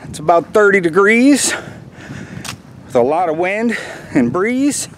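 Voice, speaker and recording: A middle-aged American man chatting casually to viewers in an unhurried way while walking outdoors, recorded on a built-in microphone with wind noise. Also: high-pitched, very animated. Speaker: hiking vlogger. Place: outdoors in a windy wooded park. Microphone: camera's built-in microphone while walking. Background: wind, faint outdoor noise.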